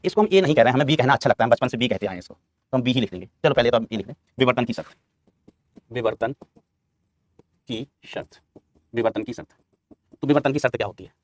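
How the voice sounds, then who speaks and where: A man's voice: mid-range voice, lively intonation, quick pace, long pauses, dry recording. A male physics teacher giving a classroom lecture, quizzing his students, answering his own questions and repeating key terms, calling them son and brother.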